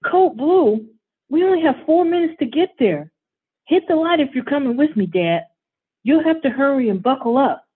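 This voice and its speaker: Lady playing an excited little boy hero, high and urgent, tinny phone sound. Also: moderate pace. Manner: eager, urgent, breathless.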